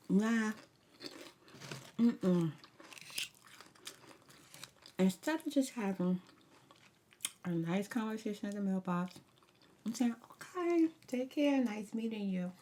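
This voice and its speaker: A woman's voice: mid-range voice, dark tone. A woman ASMR vlogger rambling through a casual story time, talking candidly and emphatically with slangy asides and advice.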